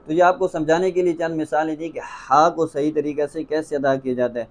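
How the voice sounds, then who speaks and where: A man with a Pakistani Urdu accent teaching a tajweed lesson, drilling letter sounds slowly and repeating each one for the viewer. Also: on the high side, fairly even intonation, darkish tone. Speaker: Quran recitation teacher.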